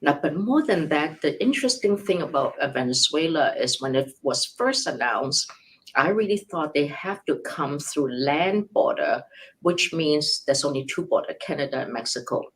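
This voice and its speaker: An older woman who works as an immigration lawyer answers questions live in a low, expressive voice at a moderate pace. She goes step by step through numbered points with worked examples, often restarting and correcting herself. The recording quality is poor.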